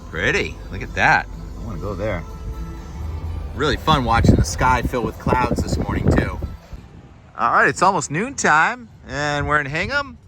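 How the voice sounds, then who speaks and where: A medium-pitched, very animated man speaks at normal speed over music while filming a casual outdoor vlog on his handheld phone by the beach and waterside. Short, eager remarks about the weather and sky fill the clip, with clear outdoor ambience and vehicle sounds behind him.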